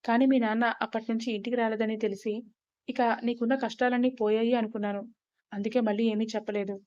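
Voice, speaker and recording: A woman's voice: a little high, level tone, fast talker, darkish tone, no echo, lightly acted. A woman voicing a blunt, guarded young male rowdy in a storybook reading, on a slightly dull recording. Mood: firm.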